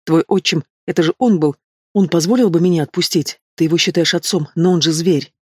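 A man's voice: fairly high pitch, a little fast, darkish tone, breathy edge, dry recording, clean studio sound. A man voicing a frightened young woman held captive, pleading and tearful, in an audiobook reading.

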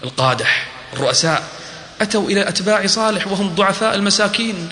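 Preacher chanting verses in a ringing hall. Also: male voice, high voice, animated, pushed and bright, a little hiss or hum. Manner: chants scripture verses in a slow melodic recitation; speaks in rhetorical questions and repetition. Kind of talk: sermon retelling a prophet's story. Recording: reverberant hall recording.

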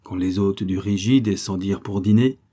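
A man narrating a novel in a steady, measured reading. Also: low-pitched. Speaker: audiobook narrator. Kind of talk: scripted narration.

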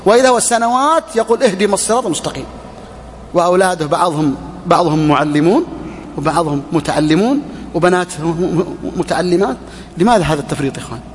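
A man's voice: a little high, lively intonation, quick pace, big-room sound, slight background noise. A middle-aged man giving a religious lesson, exhorting with rhetorical questions and repeated phrases. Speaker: sheikh teaching hadith.

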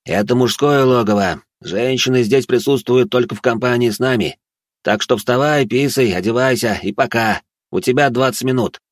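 Narrator voicing a brash young man, loud blustering delivery, pitched above his own low voice. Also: normal speed, no room sound, studio quality, close to an everyday voice. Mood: bossy. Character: brash young man, rowdy drinking buddy.

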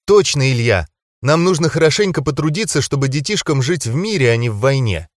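A man's voice: mid-range voice, lively intonation, fairly quick, no echo, studio quality, pitched above the performer's own voice, lightly acted. A man voicing a caring young werewolf healer. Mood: reassuring. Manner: gentle but insistent. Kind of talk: audiobook character voice.

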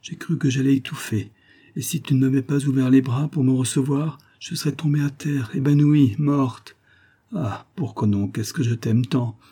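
A man voicing a shy, tender young girl in love in a storybook reading, speaking softly and breathlessly. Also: medium pitch, fairly even intonation, normal speed, husky, voice pushed up, close to an everyday voice.

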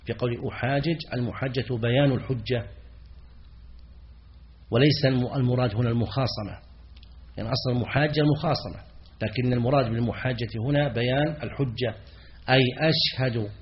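Middle-aged male scholar, classroom lecture, mid-pitched voice, repeats words and checks understanding; muffled lo-fi recording. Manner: repeats key words, pauses to quiz students; clears throat now and then. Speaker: Islamic scholar teaching a text. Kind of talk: classroom lecture explaining grammar and meaning.

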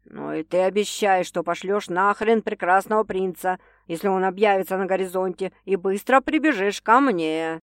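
A woman reading an audiobook, voicing a teasing, domineering young man who speaks slowly and wryly. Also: no echo, clean studio sound, natural voice. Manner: slow, low and wry. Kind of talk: audiobook character voice.

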